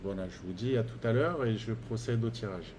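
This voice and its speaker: A man with a fairly low voice gives a brisk tarot card reading as casual spoken guidance, his speech hesitant and full of fillers and restarts as he encourages listeners. Background noise is audible.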